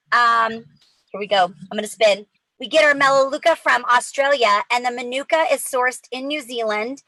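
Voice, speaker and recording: A woman hosting a live giveaway in a hyped, excited announcing style, chatting directly to the viewers. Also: fairly high pitch, dry recording, low-quality recording. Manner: excited, chatty, addresses viewers as you guys.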